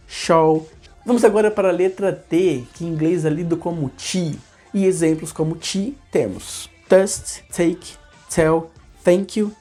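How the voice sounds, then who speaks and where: A man's voice: fairly high pitch, mellow. A man giving a casual online English lesson, explaining in a rambling way and often correcting himself mid-sentence.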